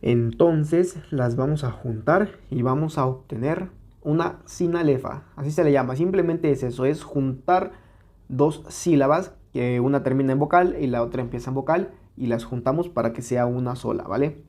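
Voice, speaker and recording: A man with a Mexican Spanish accent teaching an exam-prep lesson, patiently explaining step by step and sounding words out slowly. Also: mid-range voice, a little mellow.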